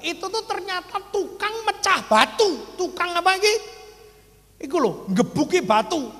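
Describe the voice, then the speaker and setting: High-voiced Javanese-accented pastor preaching. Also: male voice, fairly bright tone. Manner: emphatic storytelling, repeatedly addressing the congregation. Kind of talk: sermon. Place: church hall before a congregation. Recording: long hall reverb.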